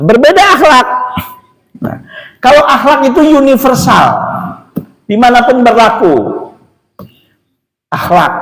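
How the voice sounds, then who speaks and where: A male preacher giving a Sunday morning mosque sermon, joking and asking the congregation questions. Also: high-pitched. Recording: echoey mosque hall.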